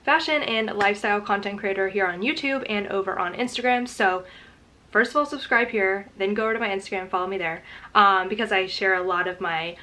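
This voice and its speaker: A woman's voice: medium pitch, a little fast, sharp tone, slight background noise. A young woman talking casually through a makeup tutorial vlog, her voice stuffy and nasal from a cold, with many "um" fillers. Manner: chatty with frequent "um" fillers. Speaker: fashion and lifestyle content creator.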